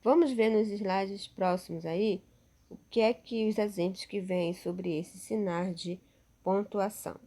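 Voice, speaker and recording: Woman teacher, Brazilian Portuguese accent, slow and patient delivery, recorded class. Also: medium pitch, steady tone, dark tone. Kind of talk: remote class lesson over slides.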